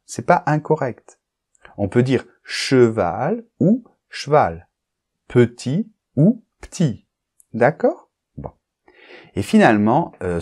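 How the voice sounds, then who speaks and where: Lively-voiced male pronunciation teacher. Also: medium pitch. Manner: patient, explains slowly and models words with exaggerated intonation; checks understanding with frequent "d'accord?". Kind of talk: recorded lesson addressing the learner.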